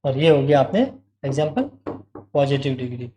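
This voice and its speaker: A man's voice: mid-range voice, normal speed, mellow, reverberant. A male teacher giving an online exam-prep grammar lesson, explaining step by step, repeating key words and asking the class questions.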